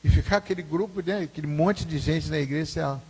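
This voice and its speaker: A man's voice: on the high side, fast, darkish tone. A man, a pastor teaching a Sunday school class in an informal, repetitive way, often asking the class questions. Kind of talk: conversational church teaching. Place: church hall. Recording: husky voice in a reverberant church hall.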